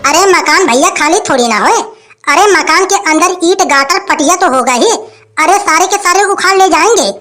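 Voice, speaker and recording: A bossy electricity inspector issues threats, as a woman acts him out. The voice is very high-pitched and the lines are played for comedy. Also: expressive, normal speed, fairly bright tone.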